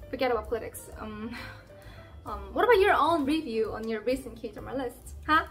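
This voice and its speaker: In an upbeat direct-to-camera lesson, a young Korean woman with a Korean accent, in her twenties, teaches language tips indoors in front of a plain wall. Cheerful, playful and exclamatory, she talks at normal speed in an animated, fairly high, fairly bright voice, with faint music behind.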